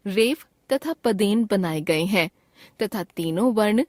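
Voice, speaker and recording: Slow, careful woman reading a grammar lesson. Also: mid-range voice, dry recording, studio quality. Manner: repeats each word twice for pronunciation drill; steady, measured recital of grammar rules. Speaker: Hindi grammar teacher.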